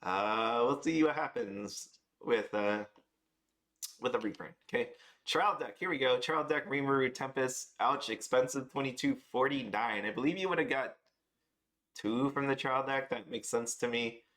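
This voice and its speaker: A man with a medium-pitched, fairly bright voice hosts a casual card game video at a moderate pace, giving a loose spoken price review full of fillers. He is tired after waking up very early.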